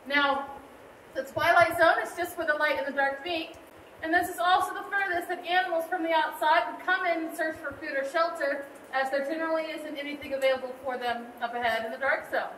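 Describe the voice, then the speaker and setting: A woman's voice: high-pitched, fairly bright tone. A woman working as a tour guide, explaining things to a group in scripted narration inside a cave. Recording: echoey cave, distant mic, faint noise.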